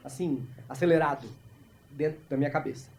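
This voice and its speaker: A man from Brazil doing improvised stand-up crowd work, talking fast and teasing the audience on a club stage. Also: on the high side, a little mellow. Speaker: stand-up comedian. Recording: live club recording with audible crowd noise.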